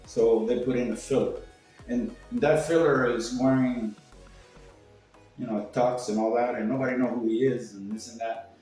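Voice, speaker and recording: An older Cuban man tells personal stories in casual anecdotal talk, rambling and salty and acting out what people said. His voice is medium-pitched and darkish, fairly even, at a moderate pace, recorded in an echoey room on a distant mic with faint music.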